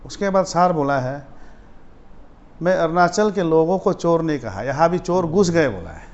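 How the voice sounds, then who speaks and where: A man from Arunachal Pradesh, a student leader telling stories from his school days in a casual interview, getting animated and loud as he retells his run-ins. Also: a little high, moderate pace. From Arunachal Pradesh, India. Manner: animated, rises sharply when retelling confrontations. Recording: slightly dull lo-fi audio.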